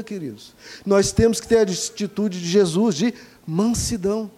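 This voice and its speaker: A man's voice: high voice, mellow. A man with a Brazilian Portuguese accent preaching a sermon, earnestly asking the congregation questions and stacking repeated phrases. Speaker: pastor.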